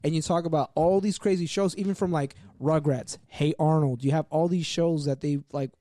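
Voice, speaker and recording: A man's voice: fairly high pitch, fairly even intonation, moderate pace, warm tone, no echo, studio quality. A young man co-hosting a casual podcast who rants emphatically and swears often. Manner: emphatic, profane ranting. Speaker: podcast co-host. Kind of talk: casual chat.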